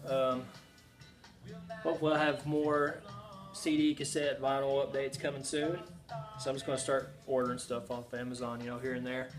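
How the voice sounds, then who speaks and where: A man's voice: medium pitch, flat delivery, normal speed. A man hosting his channel, chatting casually and rambling through a haul, a bit winded, with many fillers and restarts. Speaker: channel host showing a music haul. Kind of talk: casual chat. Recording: music playing in the background.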